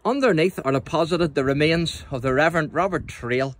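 A man with a Northern Irish accent leads a chatty, informal walking tour as a local history guide, throwing tag questions at the viewer. His voice is a little high and fairly quick. He's outdoors in a seaside churchyard, recording on a handheld phone that picks up background noise.

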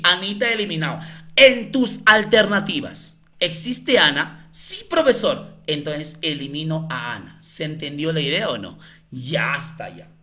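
A man's voice: high-pitched, pushed and bright. A Peruvian man tutoring math in a live online class, coaxing viewers with repeated questions to the chat.

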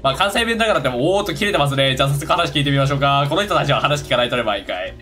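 A man giving casual let's-play commentary, excitable and talking to himself while he plays. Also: fairly high pitch, rapid-fire, faint music behind. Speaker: gaming YouTuber.

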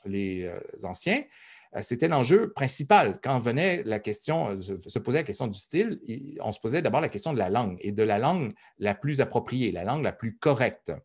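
A man's voice: medium pitch, sing-song, brisk, husky. A man giving a university lecture, talking in a conversational way, with many fillers and repeated words. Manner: conversational, thinks aloud. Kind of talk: recorded lecture.

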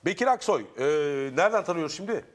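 A man hosting a talk show, briskly announcing the next night's guests and signing off. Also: high-pitched, big pitch swings.

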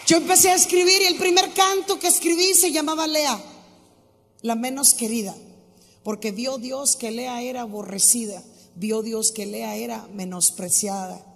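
A woman tells her testimony from a church stage. Her voice has a gravelly edge, and she moves from quiet, intimate lines to loud calls to the congregation. Long reverb from the auditorium trails behind every phrase. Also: fairly high pitch, moderate pace, soft background music. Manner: lively storytelling, swings between soft and loud. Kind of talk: preaching testimony. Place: large church auditorium, live event. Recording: live hall with long reverb.

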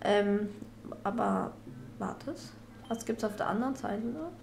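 A woman hosting a casual let's-play, chatty with quiet asides and mock-dramatic dismay. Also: mid-range voice, unhurried, creaky, over music. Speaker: gaming video host.

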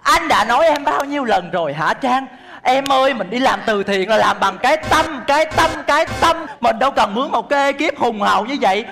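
A vain fake-charity celebrity. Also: male voice, extremely high pitch, animated, a little fast, creaky, pushed and bright, in a large hall, full character voice. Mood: bossy. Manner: theatrical, melodramatic pleading. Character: vain showy male celebrity faking charity, whiny. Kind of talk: comedy sketch acting. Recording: stage show with music and audience.

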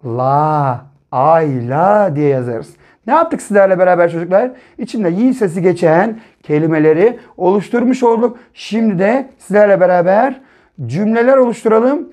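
A man teaching a reading lesson to young children, sounding out syllables slowly, blending them into words and checking understanding with gentle questions. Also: high voice, lively intonation. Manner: gentle, patient, ends points with a checking question. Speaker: primary school teacher.

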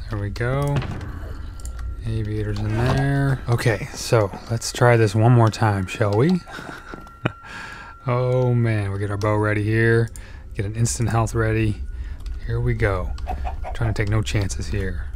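A man commentating his own video game play, talking to himself nervously and breaking into excited yelps when danger appears. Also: lowish voice, noisy background. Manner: nervous, self-talking, frequent "oh boy", jumps to excited yelps. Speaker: let's play gamer. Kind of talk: gameplay commentary. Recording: game music behind the voice. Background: game music.

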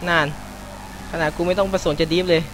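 A young man commentating casually on his own racing gameplay, with sudden excited outbursts, swearing and mock prayers. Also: a little high, fairly quick, slight background noise, poor audio. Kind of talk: casual let's-play commentary.

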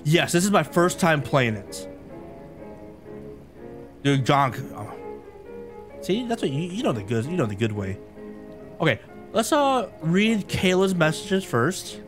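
A man commentates a live game stream in an excitable, chatty way, laughing often and thanking viewers by name. His voice sits a bit high and swings widely in pitch. Faint game music plays underneath. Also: a little slow, long pauses.

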